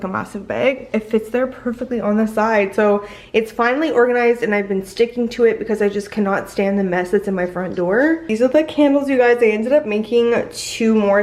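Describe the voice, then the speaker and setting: A young woman in her twenties chatting casually to camera in her apartment, full of "like"s, her voice still groggy from just waking up. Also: medium pitch. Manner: chatty, filler-heavy with many "like"s. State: morning voice, just woke up. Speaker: vlogger. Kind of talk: casual vlog chat.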